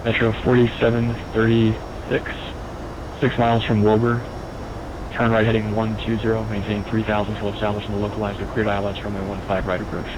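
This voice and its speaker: A man's voice: lowish voice, monotone, brisk, muffled recording. A man working as an air traffic controller, giving clipped, procedural radio instructions in standard phraseology. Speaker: air traffic controller on online flight simulation network. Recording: noisy radio with aircraft drone.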